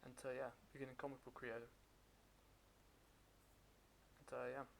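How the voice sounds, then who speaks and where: A man talking through a face mask, hosting a casual reaction commentary in a halting, hesitant way. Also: mid-range voice, level tone, creaky. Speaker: reaction video host. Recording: hissy, noisy recording.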